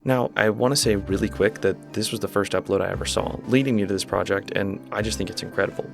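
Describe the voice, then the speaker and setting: A male YouTube host with a low voice and vocal fry explains the lore of a horror series at a quick pace. The casual analysis commentary is relaxed and conversational, with enthusiastic asides, delivered as a voice-over with music behind it.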